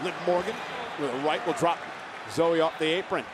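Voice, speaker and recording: A man's voice: a little high, normal speed, a loud crowd. A man giving dramatic, emphatic play-by-play as a wrestling commentator. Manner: dramatic, emphatic calls of each move. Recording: loud arena noise behind. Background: loud wrestling arena.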